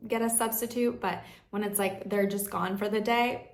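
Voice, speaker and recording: A woman's voice: medium pitch, fairly even intonation, moderate pace. A young American woman telling her channel what surprised her abroad, chatting casually and filling her talk with "like". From United States. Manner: chatty, lots of "like" fillers. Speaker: vlogger. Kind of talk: casual vlog chat. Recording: echoey room.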